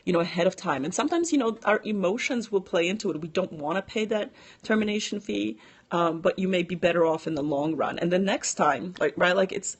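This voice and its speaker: Husky, chatty woman live-streaming. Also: medium pitch. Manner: chatty, filler-heavy, answers viewer comments. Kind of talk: casual live-stream talk.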